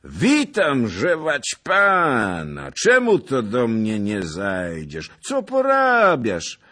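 A man's voice: medium pitch, huge pitch swings, extremely slow, pushed and bright, pitched above the performer's own voice, heavily acted. A man voicing a drunken, brawling old nobleman with a slurred, mocking, bellowing delivery in an audiobook. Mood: mocking tipsy. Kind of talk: audiobook character voice.

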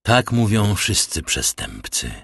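A man reading an audiobook, voicing a calm, ironic, self-assured nobleman disguised as a priest. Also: fairly low pitch, slow, slightly rough, no echo, studio quality, heavily acted. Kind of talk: audiobook character voice.

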